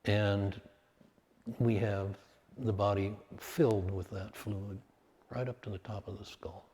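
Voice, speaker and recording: Calm and measured, a man with a fairly low voice leads a meditation, offering short phrases and pausing at length between each.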